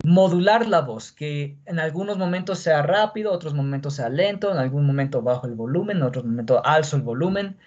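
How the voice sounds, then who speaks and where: A man's voice: on the high side, fairly quick, hardly any pauses, darkish tone, dull audio. A male teacher explaining a lesson patiently and often checking in with the class.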